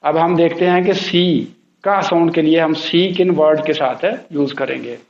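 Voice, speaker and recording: A man's voice: fairly high pitch, a little slow, darkish tone. A man teaching English spelling rules, patiently repeating each rule and example word. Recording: echoey room, dull lo-fi sound.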